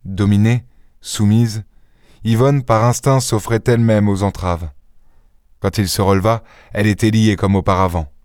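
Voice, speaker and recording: A man narrating a classic story with measured, expressive delivery. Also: fairly low pitch, clear, resonant tone, no echo, studio quality. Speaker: audiobook narrator. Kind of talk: scripted literary narration.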